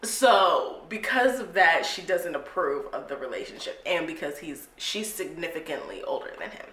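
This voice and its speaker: A woman's voice: fairly low pitch, animated, moderate pace, a bit bright. A young woman, chatting casually as a beauty vlogger and giggling easily. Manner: chatty, giggly, drawls slang. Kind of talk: casual chat. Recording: echoey room with faint noise.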